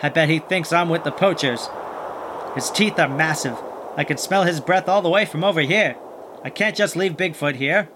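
A man's voice: on the high side, normal speed, noisy background, natural voice. A man playing a plucky, kindhearted, wisecracking monster hunter who narrates and acts in a children's audio adventure with folksy exclamations. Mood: awed, nervous. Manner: folksy exclamations, animated chatter to sidekick.

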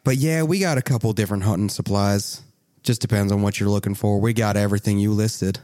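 A man's voice: fairly low pitch, fairly even intonation, brisk, mellow, close to an everyday voice. A man voicing a folksy male shopkeeper with a put-on Southern accent, in a tabletop game.

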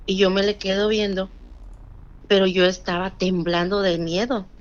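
Her medium-pitched voice moves at a moderate pace, and the recording has its highs cut off. A woman with a Mexican Spanish accent, she casually recounts a true scary story, animatedly acting out the characters' voices and dialogue.

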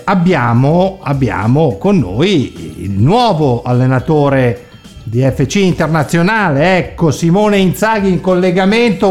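A man hosting a comedy radio interview, playful, laughing often and teasing his guest with corrections, with faint music underneath. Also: a little high. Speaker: radio host.

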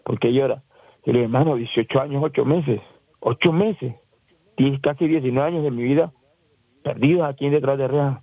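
A man with a Colombian Caribbean coast accent recounts his own story, circling back and restarting his sentences. His voice is gravelly and breathy. The sound is dry and thin, like a phone call. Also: medium pitch, brisk, no room sound. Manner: rambling, repeats and restarts, acts out quoted voices. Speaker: interviewee. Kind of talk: emotional first-person account. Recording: dry, tinny phone-like line.

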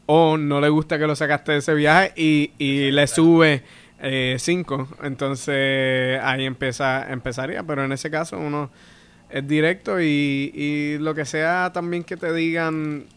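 A man's voice: a little high, fairly even intonation, a little slow, fairly bright tone, smooth. A man with a Puerto Rican accent, a stand-up comedian chatting casually as a guest and animatedly acting out the voices in his stories. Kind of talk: casual podcast chat.

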